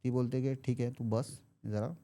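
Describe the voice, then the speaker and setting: A man's voice: medium pitch, little pitch movement, normal speed, mellow. A man telling a horror story casually, acting out the characters' lines. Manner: acts out characters' lines in quoted speech. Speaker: podcast guest storyteller.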